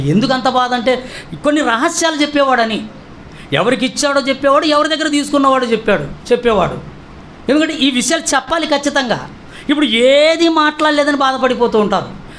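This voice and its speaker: A man's voice: very high-pitched, a bit bright, slight background noise. A male pastor preaching a sermon, asking the congregation question after question.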